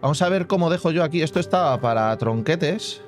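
A man's voice: on the high side, lively intonation, a little fast, faint music behind. A man casually commenting on his own gameplay as a channel host, thinking aloud and humming little sound effects. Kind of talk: casual let's-play commentary.

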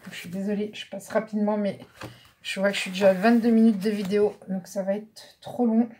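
A French woman chats her way through a craft haul in a relaxed show-and-tell voice, thinking aloud with small fillers and asides. Her pitch sits in a middle range. A faint hiss and some clicking sit under the recording. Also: a little fast. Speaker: craft vlogger showing a haul.

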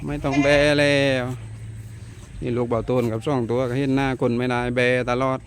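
A middle-aged man hosts his own farm vlog outdoors and chats in an easy, unhurried way. He often closes his phrases with polite particles. His voice sits at an ordinary pitch, with a faint hum of outdoor sound behind him. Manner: relaxed, chatty, ends phrases with polite particles. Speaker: channel host.

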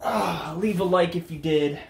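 A young man hosting a comedic home cooking vlog, goofy and jokey, sometimes breaking into loud mock commands, filmed in his kitchen on a camera mic. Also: a little high, unhurried, gravelly, roomy sound. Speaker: cooking video host.

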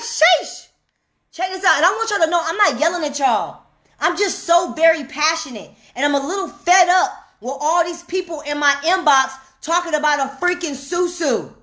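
A woman with a high, fairly bright voice coaches viewers about money in a fired-up, direct-to-camera rant. Emphatic and preachy, she repeats her lines slowly and calls out "hello?" to the audience.

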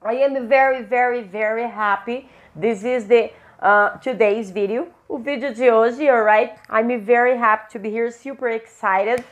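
A Brazilian woman with a Brazilian Portuguese accent teaching an online English lesson, switching between Portuguese and English, repeating each example slowly and checking in with "ok?". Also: a little high, fairly even intonation. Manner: ends phrases with a checking "ok?".

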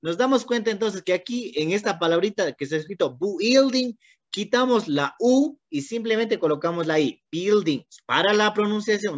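An English teacher with an Ecuadorian Spanish accent who patiently corrects students and reads English lines slowly, word by word. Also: mid-range voice, no room sound. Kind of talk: online class instruction. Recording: dull, dry, lo-fi.

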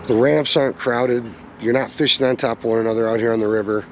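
A man's voice: medium pitch, fairly even intonation, fast, lo-fi sound, slight background noise. A man hosting an outdoor fishing report, giving tips in a folksy, instructive way and calling his viewers "guys.". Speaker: fishing channel host. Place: outdoors on or by the river.

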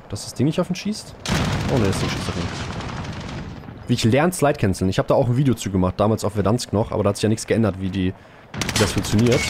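Gunfire from the shooter game he's streaming live fills the background as this young man chats loosely and excitedly with viewers, full of slang. His voice is medium-pitched, and the surroundings are noisy.

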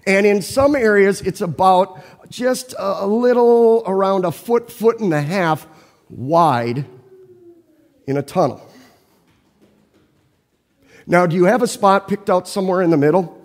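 A man's voice: sits high, measured pace, pauses often, in a large hall. A man preaching a sermon, telling a personal story in a conversational way and asking his listeners questions. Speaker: pastor.

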